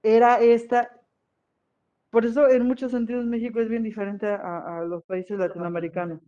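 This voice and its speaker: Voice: medium pitch, little pitch movement, moderate pace, warm tone. History teacher lecturing, muffled audio. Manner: conversational, often checks in with the class. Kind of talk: classroom lecture.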